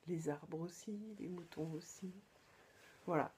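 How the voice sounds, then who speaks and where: A woman from France hosting her own podcast, chatting casually and hesitantly, with many fillers and restarts and soft whispered asides. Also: low-pitched, fairly even intonation, a little slow, background noise. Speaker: podcast host. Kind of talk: casual show-and-tell chat.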